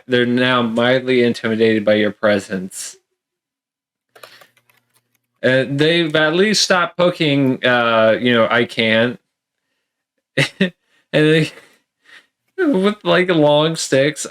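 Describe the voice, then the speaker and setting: Man running a homebrew tabletop game, rambling, lots of ums, laughs a lot, mid-pitched voice. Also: a bit bright, clean tone. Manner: rambling, laughs often, many fillers. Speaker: game master.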